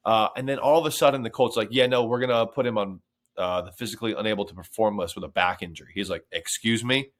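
A man's voice: on the low side, steady tone, fast talker. A man co-hosting a sports podcast, chatting in a sarcastic, profane, conversational way. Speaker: podcast co-host. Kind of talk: casual sports chat.

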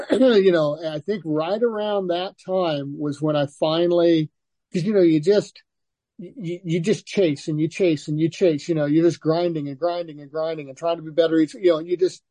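A man's voice: a little high, normal speed, dry recording. An older man, a former motocross racer, telling stories as an interview guest with lots of restarts and "you know". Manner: relaxed storytelling, frequent restarts and "you know". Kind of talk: casual interview.

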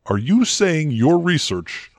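A man's voice: a little high, sing-song, slow, darkish tone, no room sound, heavily acted. A man plays a stuffy, pompous interviewer whose voice swings widely as he speaks. His manner is formal and exasperated, and the recording sounds dry and close. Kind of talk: comedy sketch acting.

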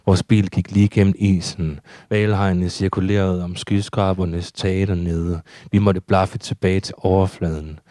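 A man reading his own surreal prose poetry aloud in a steady, measured recitation. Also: sits low, dry recording, studio quality.

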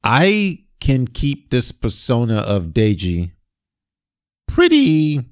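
A man from Nigeria co-hosting a casual chat, animated and swearing as he acts out quoted voices. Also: medium pitch, slow, clear, resonant tone, no echo, clean studio sound.

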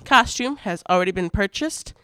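Bright, crisp teenage boy announcer. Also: high-pitched, lively intonation, moderate pace, no echo. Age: teens. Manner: upbeat announcer reading news with playful asides. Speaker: student radio co-host. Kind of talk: school morning radio show. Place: school radio studio.

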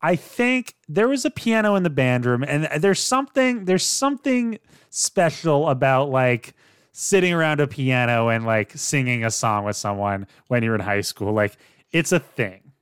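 A young man co-hosting a casual movie recap podcast, laughing often and telling stories in an animated way. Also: medium pitch, normal speed, clean tone, no echo, studio quality. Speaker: podcast co-host.

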